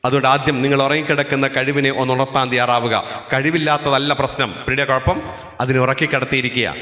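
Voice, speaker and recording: A man's voice: medium pitch, steady tone, quick pace, pushed and bright. Rousing Malayali man in an echoey hall. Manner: rousing, asks the crowd questions. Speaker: motivational speaker. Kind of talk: motivational talk to students. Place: large hall with an audience. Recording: echoey hall with long reverb.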